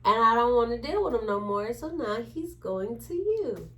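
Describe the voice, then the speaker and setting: This woman, whose pitch is fairly high and whose speed is normal, is recounting a story in casual conversation. Her telling is lively, and she performs each quote she repeats.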